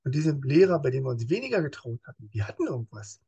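A police officer as an interview guest in casual talk, explaining with everyday examples and acting out what people say in other voices. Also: male voice, medium pitch, fast, slightly rough, highs cut off. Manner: lively, acts out quoted speech in other voices.

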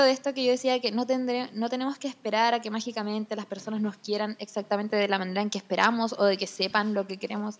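Young Chilean woman explaining on a podcast. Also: a little high. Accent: Chilean Spanish. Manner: explanatory, laughs often. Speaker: podcast co-host. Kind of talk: casual podcast chat.

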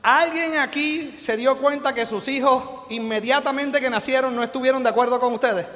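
High-voiced Puerto Rican man in an echoing hall. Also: moderate pace, a little hiss or hum. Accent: Puerto Rican Spanish. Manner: animated, joking, quizzes the audience with questions. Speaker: motivational business speaker. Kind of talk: live motivational seminar talk. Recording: long hall reverb.

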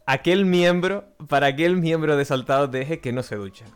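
A man's voice: a little high, normal speed, background noise. A man from hosting a casual live-streamed podcast, chatty and jokey, often restarting his sentences. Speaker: podcast host. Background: faint background music.

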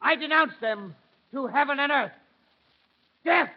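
Doctor Manette, an anguished high-voiced prisoner. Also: male voice, animated, measured pace. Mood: anguished denunciation. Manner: impassioned, solemn declamation. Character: anguished imprisoned French doctor denouncing his persecutors. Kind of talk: 1930s-40s radio drama acting. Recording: muffled old radio recording, faint noise.

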